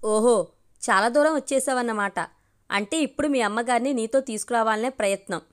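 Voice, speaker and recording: A woman's voice: fairly high pitch, a little fast, natural voice. A woman voicing a proud, sneering middle-aged husband in a storybook reading, talking in a mocking, scornful way.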